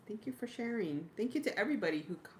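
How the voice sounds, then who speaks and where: A woman's voice: mid-range voice, animated, fast talker, darkish tone. A woman chatting casually as co-host of a live stream. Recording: clearly noisy, with room ambience.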